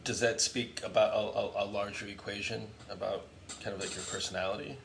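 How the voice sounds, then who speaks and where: A man's voice: lowish voice, steady tone, brisk, vocal fry, a bit bright. A man interviewing a guest in a casual, rambling way, full of fillers. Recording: faint background noise.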